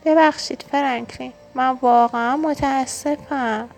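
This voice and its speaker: A woman voicing a little girl turtle in a storybook reading, soft and childlike. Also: sits high, expressive, faint music behind, pitched above the performer's own voice. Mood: earnest.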